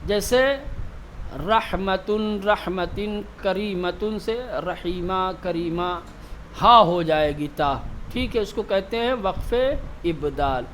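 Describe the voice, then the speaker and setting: High-voiced male tajweed teacher in class. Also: a bit bright, a little hiss or hum. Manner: asks students questions and answers them himself; repeats key terms slowly. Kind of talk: classroom lecture.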